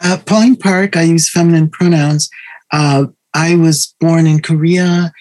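Middle-aged woman with dry sound, measured pauses. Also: low voice, fairly even intonation, darkish tone, no room sound, poor audio. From US Midwest. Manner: measured, fact-listing, with frequent "uh" pauses. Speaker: panelist. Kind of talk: self-introduction on a panel.

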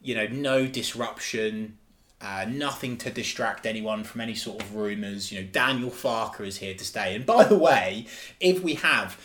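A man's voice: lowish voice, moderate pace, fairly bright tone. A man co-hosting a casual football podcast, talking emphatically and with enthusiasm, often repeating himself. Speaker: podcast co-host.

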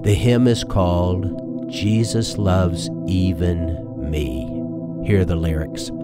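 A pastor gives a podcast sermon in an earnest, conversational way and keeps asking his listeners questions. His voice sits low. Music plays clearly behind him. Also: takes it slowly. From Texas. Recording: with background music.

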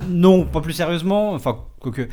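A man with a somewhat high voice chatting on a group podcast, hesitant and halting, often pausing on fillers between thoughts as he recommends things to his friends. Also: animated, mellow. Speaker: podcast co-host. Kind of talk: casual roundtable chat.

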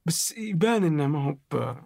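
A man with a Gulf Arabic accent hosts a podcast in casual chat. His somewhat high voice has a gravelly edge and is recorded dry. He speaks fast and teases with short replies. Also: animated, darkish tone, dry recording. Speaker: podcast host. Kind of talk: casual conversation.

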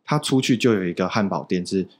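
Young man, Taiwanese Mandarin accent, low-pitched, rambling storyteller, chuckling, casual guest chat. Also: animated, quick pace. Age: young adult. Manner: rambling anecdotal telling, chuckles often.

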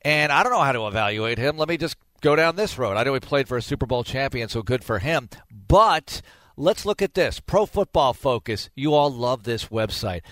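A man's voice: medium pitch, expressive, moderate pace, fairly bright tone, no echo. A middle-aged man hosting a sports talk show, speaking conversationally and emphatically with rhetorical questions. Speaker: sports radio host.

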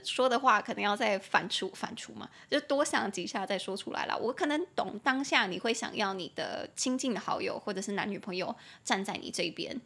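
A young woman with a Taiwanese Mandarin accent hosting a casual podcast English lesson, chatty and playful, spelling English words out slowly letter by letter. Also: medium pitch, sharp tone. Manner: playful, teasing asides. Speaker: podcast host and English teacher.

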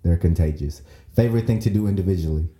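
A man's voice: deep voice, quick pace, mellow. A man co-hosting a casual chat and telling a laid-back story. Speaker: co-host. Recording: roomy echo.

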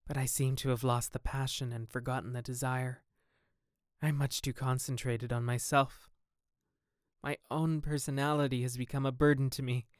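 A haunted young gentleman, melancholy and on edge, his voice raised with strain. A man performs him in a smooth, dry reading. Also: mid-range voice, flat delivery, normal speed, no room sound, lightly acted. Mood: anguished. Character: troubled, brooding young gentleman.

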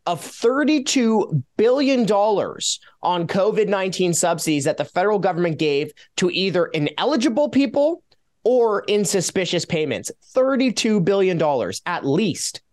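A Canadian man, a taxpayer advocate guest on a casual radio interview, talking in an animated, sarcastic way as he lists figures. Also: high-pitched, moderate pace.

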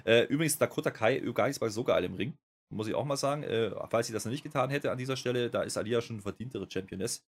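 On a wrestling podcast, a male co-host with a mid-range voice talks quickly and casually. He rambles, full of fillers and restarts, getting more worked up as he goes.

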